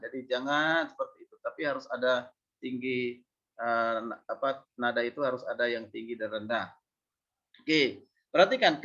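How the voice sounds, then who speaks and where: A man's voice: a little high, a bit bright, dull audio. A man teaching a seminary class on preaching, talking casually with many fillers and demonstrating rising and falling intonation. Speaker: homiletics lecturer. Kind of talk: seminary lecture.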